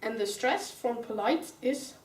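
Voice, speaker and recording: A young woman with a Dutch accent teaches an English class, going through each rule step by step and calling on pupils by name. Her voice sits a little high. It is caught from across an echoey classroom. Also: lively intonation, unhurried, a little hiss or hum. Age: young adult. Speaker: student teacher. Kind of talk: classroom grammar lesson. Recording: roomy classroom sound, mic far away.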